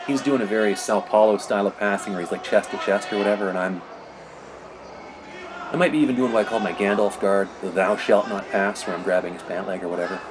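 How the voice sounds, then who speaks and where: Speaking fast in a fairly low voice, a middle-aged man narrates footage of his own match over background noise. His commentary is casual and rambling, peppered with "you know."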